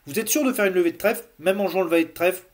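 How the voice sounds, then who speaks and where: A man with a slightly high voice walks through card play in an unscripted lesson. He hesitates often, filling pauses and restarting sentences as he thinks aloud. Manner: hesitant, many "euh" fillers and restarts. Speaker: bridge teacher. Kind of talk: unscripted instructional explanation.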